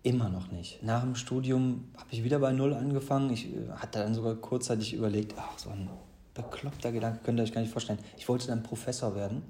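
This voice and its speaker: Fast and warm with a steady mid-range voice, a thirtysomething man from the Ruhr area chats through his life story as an interview guest, full of fillers and restarts. The echoey room adds slight background noise.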